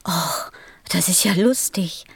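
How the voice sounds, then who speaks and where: In a radio play, an earnest little boy prince from another planet speaks in a childlike, insistent voice with a soft, husky breathiness. It is lowish and slow, heavily acted, curious and amused. The recording is close and dry, with no echo.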